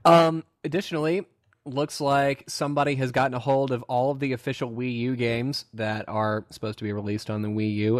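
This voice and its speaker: A man chats casually on a podcast with a middle-pitched voice. The recording is close and dry, with no room echo. His voice jumps high in pitch when something amuses him. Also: darkish tone. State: hiccups. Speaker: podcast co-host. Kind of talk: casual chat.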